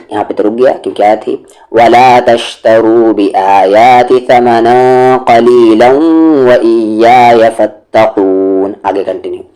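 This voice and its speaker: A man teaching Quran recitation rules, explaining patiently step by step and reciting verses slowly and melodically. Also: on the low side, mellow. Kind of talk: explanatory tajweed lesson with recited examples.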